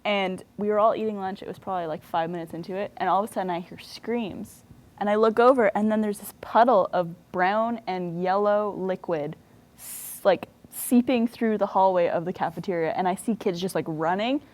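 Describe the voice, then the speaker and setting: A blunt woman tells a casual story, swearing freely. Her voice is of middling pitch. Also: moderate pace, darkish tone. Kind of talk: casual anecdote telling.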